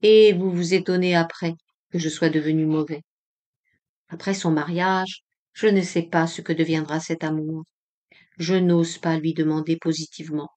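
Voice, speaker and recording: A woman reading an old diary aloud as an audiobook, in an earnest, measured way with emphatic rises. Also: sits low, steady tone, a little mellow. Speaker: audiobook reader.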